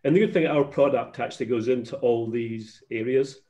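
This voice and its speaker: A man's voice: mid-range voice, fairly quick, dark tone. Chatty man on a muffled call. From Scotland. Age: middle-aged. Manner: chatty, rambling with restarts. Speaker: guest. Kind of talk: casual video call interview. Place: home office. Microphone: laptop webcam video call. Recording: muffled video call audio.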